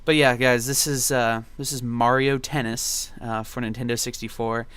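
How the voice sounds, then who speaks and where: A man's voice: mid-range voice, little pitch movement, moderate pace, a bit bright, clear, resonant tone, no echo. A young man reminiscing casually in gameplay commentary, with a laid-back, rambling and nostalgic way of talking. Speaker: video game commentary host.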